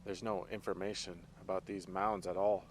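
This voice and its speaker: A man filming himself outdoors in the woods on a handheld camera, talking nervously, dropping to whispers and then calling out loudly. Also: deep voice, little pitch movement, moderate pace, slight background noise. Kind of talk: handheld found-footage commentary.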